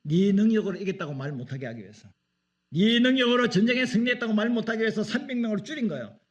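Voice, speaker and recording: Korean pastor preaching, acting out dialogue. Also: male voice, sits high, animated, fast, muffled recording. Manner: asks the congregation questions and acts out dialogue. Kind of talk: sermon.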